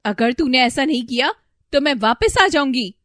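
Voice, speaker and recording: A defiant, sharp-tongued young daughter-in-law in a storybook cartoon, as a woman plays her. Her voice is high and lively, and she talks loud and commanding. The sound is close and dry. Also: moderate pace, dry recording. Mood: defiant scolding.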